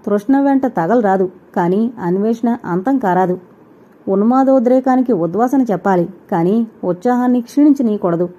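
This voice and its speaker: Audio-novel husband, calm and philosophical, gently consoling, read by a woman, mellow and lower, lo-fi. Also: breathy edge. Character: calm, wise husband consoling his dying wife. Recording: dull lo-fi recording.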